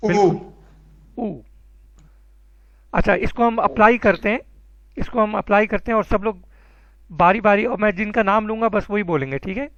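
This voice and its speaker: High-pitched guy teaching arabic online, encouraging, dry dull audio. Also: pauses often, fairly bright tone, no room sound. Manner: patient, encouraging, calls students by name.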